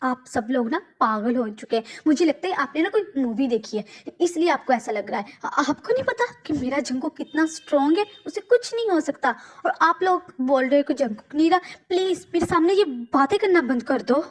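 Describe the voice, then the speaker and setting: A woman's voice: sits high, animated, brisk, few pauses, pitched above the performer's own voice. A woman voicing a frantic young wife in denial over her husband's death, sobbing, stammering and pleading.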